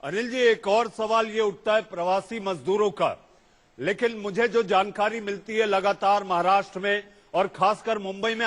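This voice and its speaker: A middle-aged male news interviewer with a fairly high voice puts pointed, probing questions to his guest in a formal, respectful tone. His voice rings with a long, hollow echo, as if he were in a cave. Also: fairly bright tone.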